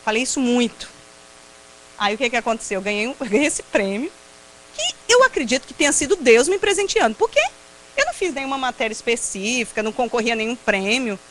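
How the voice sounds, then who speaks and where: A Brazilian woman with a Brazilian Portuguese accent, giving a personal testimony talk at a prayer group, telling stories in a lively way, laughing often and acting out what people said. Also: a little high, a little fast, a little hiss or hum, rough recording. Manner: lively storyteller who laughs often and acts out quotes. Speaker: invited speaker at a prayer group.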